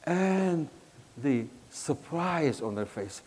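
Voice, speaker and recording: A man in his sixties from Syria with a Syrian Arabic accent, preaching a storytelling sermon that swings between loud emphasis and a soft hush. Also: fairly high pitch, big pitch swings, extremely slow, long reverb tail, slight background noise. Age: 60s.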